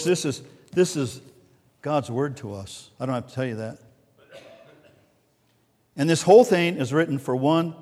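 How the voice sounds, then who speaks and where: A man preaching a sermon as pastor, swinging between soft and loud and repeating key words. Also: mid-range voice, big-room sound.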